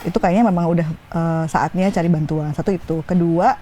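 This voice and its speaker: A woman working in HR, answering interview questions in a relaxed, explanatory way. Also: lowish voice, brisk. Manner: relaxed, explanatory, lots of fillers. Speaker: HR practitioner.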